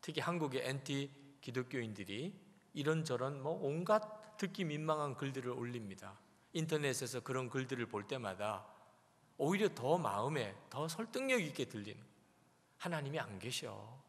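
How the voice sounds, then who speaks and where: A man's voice: mid-range voice, lively intonation, moderate pace. A male pastor preaching a sermon at a revival service, telling a story and acting out the voices in it. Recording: long reverb of a church hall.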